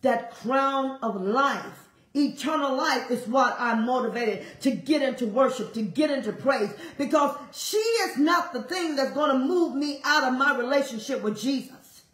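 A woman preaches with fervent, repetitive exhortation, her fairly high voice leaping up suddenly as she presses her point. The sound carries a roomy echo. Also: animated, measured pace, a bit bright. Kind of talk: sermon.

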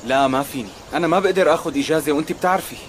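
A man's voice: a little high, very fast, slight background noise, lightly acted. An actor playing a busy, reluctant but good-natured young man in a TV drama dub, with a Syrian Arabic accent. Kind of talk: dubbed TV drama dialogue. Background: music.

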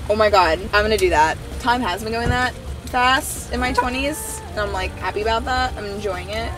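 A woman's voice: a little high, normal speed. A woman in her mid twenties chatting casually on a camping vlog, giggly and mock-serious, recorded outdoors or in a tent. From New York City. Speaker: vlogger. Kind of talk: casual joking vlog chat. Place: outdoors at a festival campsite, often inside a tent. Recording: music behind the voice.

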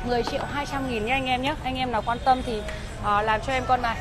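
A woman in her thirties with a Northern Vietnamese accent gives an insistent, repetitive hard-sell pitch as a live scooter seller, addressing viewers directly. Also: fairly even intonation, quick pace, music in the background. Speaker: used scooter seller hosting a live sale. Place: outdoors on a busy city street outside a shop. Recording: noisy street recording with traffic and chatter.

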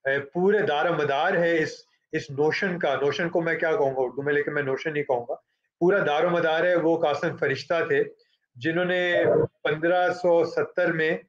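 The recording, with its highs cut off, captures a middle-aged man from Pakistan hosting a book launch. His voice is a little high and steady in tone as he introduces the author haltingly, full of fillers and English switches.

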